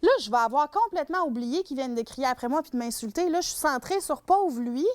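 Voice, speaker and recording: A woman's voice: sits high, animated, a little fast, a little mellow. A woman with a Québécois accent giving a public lecture as a shelter worker on domestic violence. She speaks animatedly and acts out scenarios. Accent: Québécois French.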